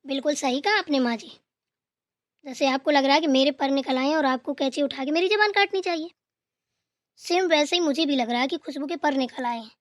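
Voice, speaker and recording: A woman's voice: high-pitched, brisk, dry recording, clean studio sound, natural voice. A woman voicing a strict middle-aged mother in a cartoon who lectures her daughter and mother-in-law. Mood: lecturing. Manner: lecturing, preachy.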